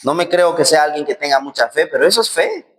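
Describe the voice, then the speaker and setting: A man preaching a sermon as pastor. He swings between loud, emphatic lines and low, soft passages, and acts out quoted voices and prayers. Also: lively intonation, fast.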